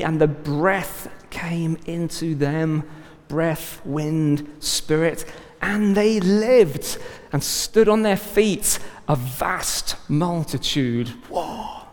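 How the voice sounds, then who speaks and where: A man preaching a sermon as pastor, emphatic and rising to loud exclamations. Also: sits high. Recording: long hall reverb.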